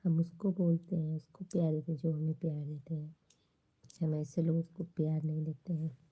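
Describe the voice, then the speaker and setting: A woman's voice: deep voice, flat delivery, moderate pace, dark tone, slightly rough. A woman with an Awadhi-tinged Hindi accent, chatting casually on her livestream and bluntly scolding rude commenters. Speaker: livestream host. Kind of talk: casual livestream chat with viewers.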